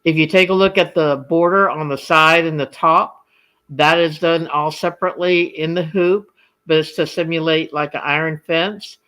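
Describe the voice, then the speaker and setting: A man giving a casual product demonstration as an embroidery designer, explaining things in a halting way. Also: fairly high pitch, fairly even intonation, sharp tone, clean tone.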